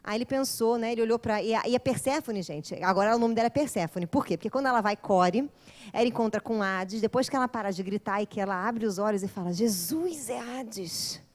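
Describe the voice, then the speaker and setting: A woman's voice: mid-range voice, fast. A woman lecturing a course, retelling a myth in a playful, jokey way and chatting with her audience. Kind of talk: humorous storytelling lecture.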